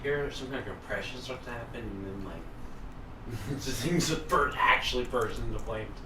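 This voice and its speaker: A man's voice: medium pitch, moderate pace. A man who streams online, telling loose stories in casual chat with friends, full of fillers and "like". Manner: loose, filler-heavy storytelling. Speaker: livestreamer. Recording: distant mic, roomy, noisy.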